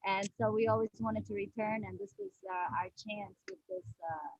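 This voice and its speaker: A woman's voice: medium pitch, steady tone, moderate pace, darkish tone, breathy edge, no room sound, dull audio. A woman, a guest in a casual interview, telling her story in an easygoing way. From Albania, raised in the United States.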